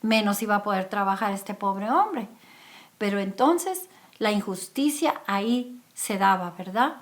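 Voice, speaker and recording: A woman's voice: medium pitch, animated, unhurried. A woman preaching a sermon, retelling a parable and acting out its characters. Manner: storytelling, acting out the characters' pleas and anger. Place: church.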